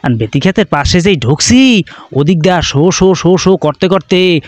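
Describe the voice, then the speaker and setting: Man doing a rustic villager, boastful, excitable, high voice. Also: normal speed, lightly acted. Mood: boastful, excited. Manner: excitable, boastful storytelling in rural dialect.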